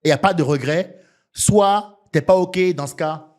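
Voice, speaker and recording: A man's voice: a little high, normal speed, a little mellow. A man from France and Benin, a comedian, telling his story in a casual interview with emphatic, slangy delivery.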